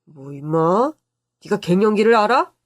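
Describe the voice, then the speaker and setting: A woman voicing a kind-hearted middle-aged uncle who talks in a gruff, playful, blustering way. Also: medium pitch, lively intonation, normal speed, no room sound, clean studio sound, natural voice.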